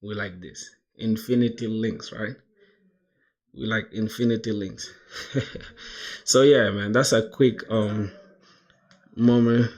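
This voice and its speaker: He speaks slowly with frequent pauses, in a fairly low, darkish voice with fairly even intonation. A South Sudanese man in his 20s, he's coding toward a job on a live stream, chatting loosely, laughing, reading chat aloud, and calling everyone "bro" over and over.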